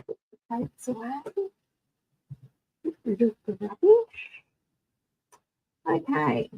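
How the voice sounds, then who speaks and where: A woman's voice: fairly high pitch, huge pitch swings, slow, vocal fry, breathy edge, highs cut off. A woman running a live card-making tutorial, chatting through each step for her viewers. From Australia.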